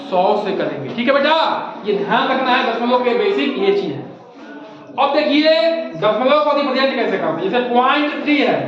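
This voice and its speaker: A male primary school teacher giving a patient, repetitive classroom lesson, asking the pupils many questions. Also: extremely high pitch. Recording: echoey muffled classroom recording.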